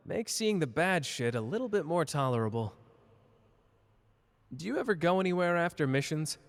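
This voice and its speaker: A man's voice: mid-range voice, natural voice. Man acting cocky, flirty Gojo in long reverb. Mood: breezy, relaxed. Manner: teasing, casual, boastful. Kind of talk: ASMR character roleplay addressed to listener.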